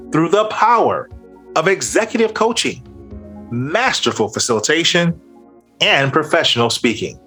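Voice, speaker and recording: A man's voice: fairly high pitch, a bit bright, slightly rough. A man hosting a leadership podcast, reading a polished introduction and then interviewing a guest in an upbeat presenter's manner. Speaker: podcast host.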